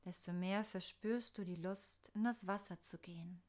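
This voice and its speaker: A woman narrating a scripted guided meditation in a soft, soothing, unhurried manner with pauses. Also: medium pitch, steady tone.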